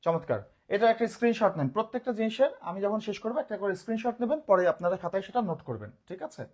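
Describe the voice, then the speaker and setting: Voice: mid-range voice, big pitch swings, racing, a little mellow. A grammar teacher, giving a live online lesson, who often asks the class a question and answers it, repeating key points.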